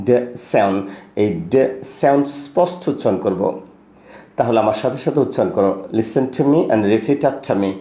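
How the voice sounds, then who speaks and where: A man with a Bengali accent teaching English pronunciation in a video lesson, reading lines slowly for students to repeat. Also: medium pitch, mellow, echoey room. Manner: slow, drawn-out model reading of English lines, quick explanations in between.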